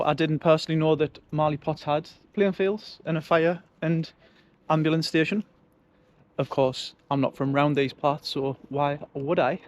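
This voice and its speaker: A man with a Sunderland accent giving a casual, chatty walking-tour commentary in colloquial dialect. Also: on the high side. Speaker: local-history vlogger. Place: outdoors, walking along residential streets. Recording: outdoor street and traffic noise.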